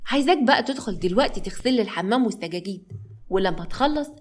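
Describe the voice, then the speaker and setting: A woman's voice: medium pitch, expressive, very fast, close to an everyday voice. A woman voicing a cruel, haughty young stepmother with an Egyptian accent, speaking with sneering condescension.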